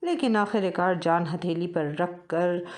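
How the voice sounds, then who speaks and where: A woman narrating a funny children's folk tale, telling it in a lively, expressive way. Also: on the low side, a little slow. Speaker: storyteller. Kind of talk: storybook narration.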